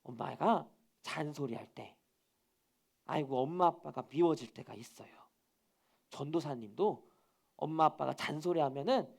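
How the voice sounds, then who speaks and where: Female children's preacher, very expressive pitch, sudden hushed whispers for emphasis. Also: moderate pace, gravelly, pauses often. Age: adult. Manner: animated storytelling with sudden whispers. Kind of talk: children's sermon.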